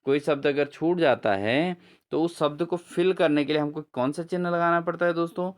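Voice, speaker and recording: Speaking at a moderate pace with a fairly high pitch, a man goes over quiz answers in an exam-prep grammar lesson. He questions himself and supplies the answers, often turning to viewers with friendly remarks.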